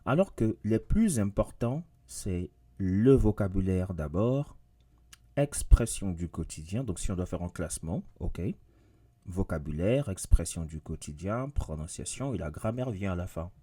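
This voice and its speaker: A man's voice: low voice, expressive, unhurried, dark tone, slightly rough. A man teaching in a casual video lesson, talking straight to his viewers and repeating his points with emphasis. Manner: repetitive, emphatic, addresses viewers directly. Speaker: English teacher.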